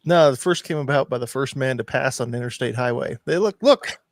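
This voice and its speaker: A man's voice: medium pitch, fast, no room sound. A man hosting a podcast, joking and swearing in loose banter. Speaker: podcast host. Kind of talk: casual chat.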